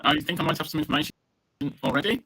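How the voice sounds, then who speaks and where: A man's voice: on the high side, racing, sharp tone, slightly rough. A man joining a live launch broadcast over a remote call, politely offering facts while his audio breaks up. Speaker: guest commentator. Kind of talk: live launch-coverage chat. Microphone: joining over an online call.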